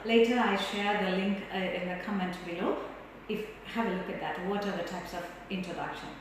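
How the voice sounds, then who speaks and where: A woman coaching public speaking in an instructional talk, with an emphatic, projected, deliberate delivery and non-native English phrasing. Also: mid-range voice, steady tone. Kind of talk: instructional talk on giving speeches. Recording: very echoey hall, distant mic, faint noise.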